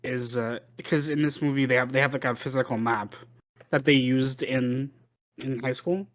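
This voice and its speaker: A man's voice: mid-range voice, steady tone, normal speed. Rambling male podcast co-host. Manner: rambling, repeats words while thinking. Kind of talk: casual chat.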